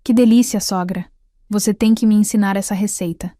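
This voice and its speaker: Guilty young wife pleading through tears, storybook role, mellow and dry, read by a woman. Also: medium pitch, steady tone, a little fast, dry recording, natural voice. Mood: pleased. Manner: tearful pleading.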